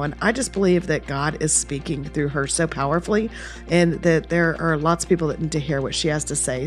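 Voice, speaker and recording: A woman in her late forties hosting a podcast in a casual, chatty interview style, with a head cold in her voice. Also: low-pitched. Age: late 40s. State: has a cold. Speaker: podcast host.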